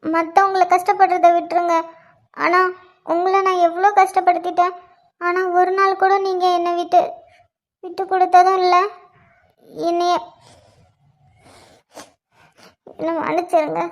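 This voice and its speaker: A woman's voice: sits high, fairly even intonation, a little slow, pauses often. A woman voicing a young scheming wife in a cartoon, pleading tearfully and then muttering slyly to herself.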